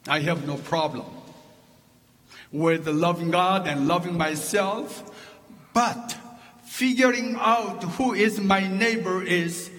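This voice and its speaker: A pastor whose first language is Korean preaches a sermon from the pulpit with a Korean accent. His voice is high and fairly bright, and he takes his time, building his points through deliberate lists, while the long reverb of a church sanctuary surrounds him.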